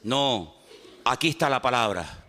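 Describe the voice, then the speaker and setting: A man preaching a lively sermon as pastor, animated and humorous, using repetition, rhetorical questions and acted-out dialogues. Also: mid-range voice, a little slow.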